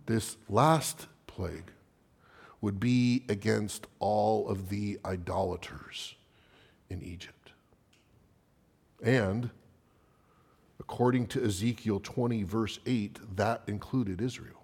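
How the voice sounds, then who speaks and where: Slow, emphatic male preacher. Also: creaky, slightly rough. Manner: slow, emphatic, swinging from loud declarations to hushed low phrases. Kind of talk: evening sermon.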